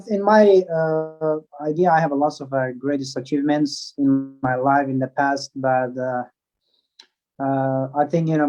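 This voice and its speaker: This Afghan interviewee, a swimmer, talks at a medium pitch with a slightly mellow quality. He hesitates often, restarting and filling pauses, and his phrasing is non-native; the sound is dull and low-fidelity.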